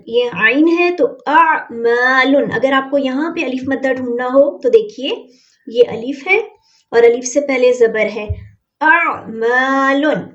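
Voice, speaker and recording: A young woman with an Urdu accent gives an online Quran reading lesson in a high voice. She explains patiently and stretches example words out slowly to show how they sound. The recording is muffled and she sounds a little far from the mic. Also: roomy sound. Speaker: Quran teacher.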